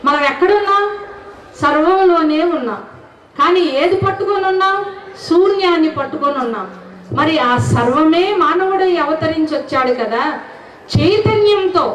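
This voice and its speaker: A woman's voice: high voice, a bit bright, a little hiss or hum. A woman giving a devotional talk to a gathering. She talks earnestly and keeps putting questions to her listeners. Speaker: spiritual speaker. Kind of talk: devotional talk with sung verses. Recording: echoey, distant, dull hall recording.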